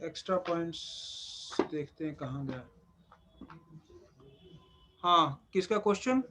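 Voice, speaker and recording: A man's voice: fairly high pitch, lively intonation, takes it slowly, very noisy. A man teaching an acupuncture class, instructive and repeating phrases for emphasis. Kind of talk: live class lecture.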